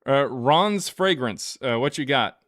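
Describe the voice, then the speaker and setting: A man's voice: mid-range voice, animated, a little slow, a bit bright. A man hosting a live stream, chatting casually and arguing bluntly, often laughing. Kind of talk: casual debate chat.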